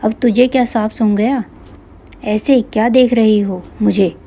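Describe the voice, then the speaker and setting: A woman's voice: fairly high pitch, steady tone, a little slow, warm tone. A woman voicing a harsh, bossy middle-aged mother-in-law who scolds her daughter-in-law, in a storybook reading. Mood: sneering.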